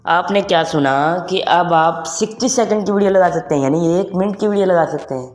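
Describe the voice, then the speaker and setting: With a voice pitched fairly high for a man, a young adult tech presenter moves briskly through a casual tutorial aimed at online viewers. English words and phrases slip into his speech, and music runs in the background.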